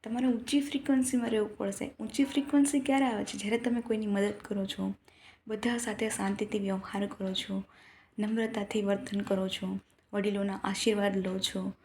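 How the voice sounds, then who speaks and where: A woman's voice: medium pitch, steady tone, fairly quick, a little mellow, slight background noise. A woman giving an earnest motivational talk to her followers, lecturing with many rhetorical questions. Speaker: motivational speaker.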